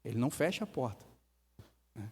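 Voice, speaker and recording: A man's voice: mid-range voice, big pitch swings, fairly quick, husky. A man with a Brazilian Portuguese accent preaching a sermon to his church, emphatic and full of rhetorical questions, now and then acting out the voices of people he quotes. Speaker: pastor. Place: church hall. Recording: reverberant church hall.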